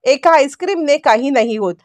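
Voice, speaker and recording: Teasing, loving young husband, read by a woman narrator; high pitch. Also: lively intonation, brisk, darkish tone. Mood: coaxing.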